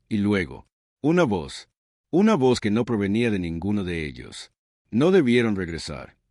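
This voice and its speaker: A man's voice: on the low side, darkish tone, dry recording, clean studio sound. A man reading a scripted horror story in a dramatic, suspenseful storytelling manner. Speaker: narrator.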